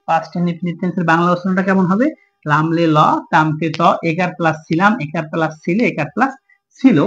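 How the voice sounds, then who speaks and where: An English teacher with a Bangladeshi Bengali accent moves briskly through a grammar lesson, repeatedly asking questions and answering them himself. His voice is high, and the recording sounds dull and lo-fi.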